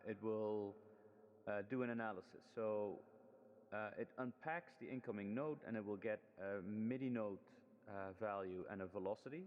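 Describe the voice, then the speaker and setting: A man presenting his student project in a casual, hesitant demo walkthrough, full of ums and restarts, his voice soaked in heavy hall-like reverb. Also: on the low side. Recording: long reverb, dull lo-fi sound.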